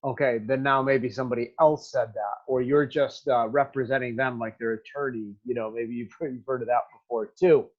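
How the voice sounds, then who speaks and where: A man teaching a recorded remote lesson, talking straight to his students in a halting way with many ums. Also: mid-range voice, steady tone, lo-fi sound.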